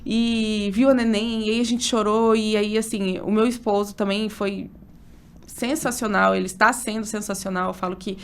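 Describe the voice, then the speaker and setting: A woman in her thirties, an obstetrician guest, telling a personal story in a casual interview. She talks in an emotional, animated way, full of fillers. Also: medium pitch, normal speed, smooth.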